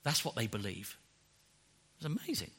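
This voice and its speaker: A man preaching a sermon in an animated, joking way that is often broken by laughs. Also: medium pitch, normal speed, slightly rough, big-room sound.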